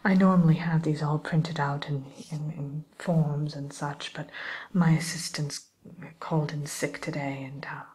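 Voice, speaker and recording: Casting: woman to play sly, genteel witch tutor for ASMR roleplay; low soft whisper, slow hesitant delivery, vain and politely condescending. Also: fairly even intonation. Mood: sly, advising. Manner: unhurried, hesitant, politely condescending, addresses listener as pupil.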